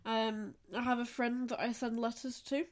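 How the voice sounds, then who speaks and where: A woman's voice: on the high side, level tone, moderate pace. A woman, co-hosting a podcast and telling rambling, self-mocking stories in casual chat. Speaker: podcast co-host.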